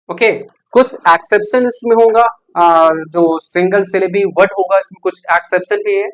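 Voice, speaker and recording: A teacher explaining an English grammar lesson in Hindi, checking understanding with rhetorical questions and spelling rules out slowly. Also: medium pitch. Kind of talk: classroom-style grammar lesson.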